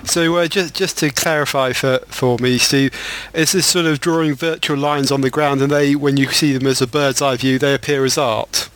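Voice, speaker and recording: A man hosting a tech podcast, introducing guests and steering the talk in a measured way. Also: mid-range voice, fairly even intonation, fairly bright tone. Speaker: podcast host. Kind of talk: casual chat.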